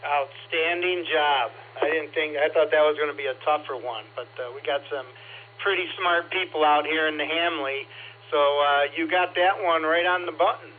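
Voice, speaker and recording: A man running an amateur radio check-in net as net control, talking in an easygoing way with many pauses and friendly trivia questions, his voice heard over a two-way radio with faint static. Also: a little high, steady tone. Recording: tinny radio transmission with faint static hum.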